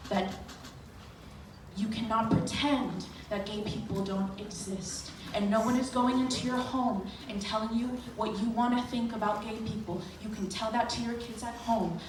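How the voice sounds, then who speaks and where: A young woman from Miami gives an earnest, pointed public comment at a board meeting, scattering fillers as she goes. Her voice sits at a middle pitch and comes from well off the mic. A booming hall echo and steady room noise surround her. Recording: echoey hall, from far off, noisy.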